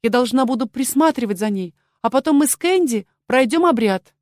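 A woman voicing a naive, frightened young maid who sobs and pleads in a high, breaking voice. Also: expressive, brisk, darkish tone, no echo, studio quality, close to an everyday voice. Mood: hopeful. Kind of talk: audiobook character voice.

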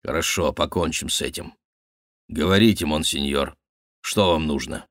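A man's voice: a bass voice, normal speed, a bit bright, no echo, studio quality. A man voicing a sick, sullen nobleman in an audiobook, speaking tersely and coldly in a muttered tone. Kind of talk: audiobook reading.

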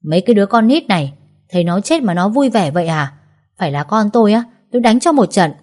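A woman doing a loud scolding bystander. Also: medium pitch, animated, fast, voice pushed up, lightly acted. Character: harsh scolding adult bystander.

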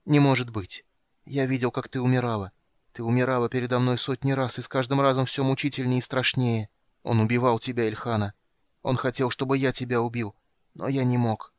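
A man's voice: mid-range voice, little pitch movement, brisk, no room sound, lightly acted. A man reading aloud, voicing an anguished, frenzied old elf king in an audiobook. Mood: shaken. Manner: anguished, crying out.

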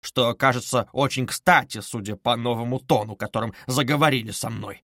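A man reading aloud voices a pompous, sarcastic middle-aged gentleman in a stiffly formal manner. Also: on the high side, animated, normal speed, dry recording, clean studio sound. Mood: sneering. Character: sneering pompous middle-aged male suitor.

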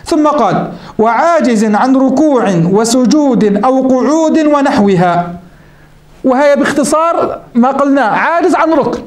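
A man's voice: very high voice, expressive, normal speed, echoey room. A man teaching a lesson on Islamic jurisprudence, quoting the text and then explaining it with rhetorical questions.

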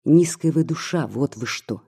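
A reader voicing a young serf girl, pained and defiant, with a husky voice. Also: medium pitch, animated, a little slow, warm tone, full character voice. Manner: pained, indignant.

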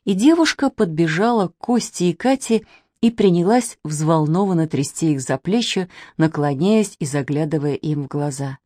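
A woman's voice: sits low, expressive, moderate pace, mellow, no room sound, clean studio sound. Woman reading a storybook aloud. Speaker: reader. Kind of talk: storybook narration.

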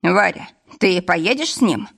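A woman's voice: fairly low pitch, lively intonation, a little slow, vocal fry, heavily acted. A woman reading an audiobook voices a stern former police officer who speaks firmly and curtly. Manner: firm, commanding, curt.

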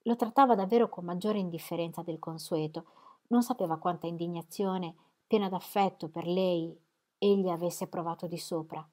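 Low-voiced woman reading a novel. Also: normal speed, a little mellow. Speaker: audiobook reader. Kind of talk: literary narration.

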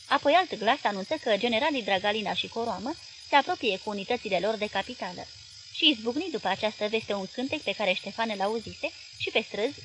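A woman reading a novel aloud as an audiobook narrator, in a measured and expressive way. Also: medium pitch, noisy background.

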